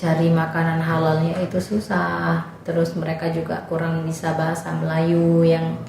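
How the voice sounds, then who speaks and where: A woman's voice: sits low, monotone, normal speed, creaky, darkish tone. A young woman, a volunteer teacher, telling her experiences in a casual, chatty podcast interview. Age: young adult. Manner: chatty, many fillers, acts out students' voices. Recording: very echoey room with faint noise.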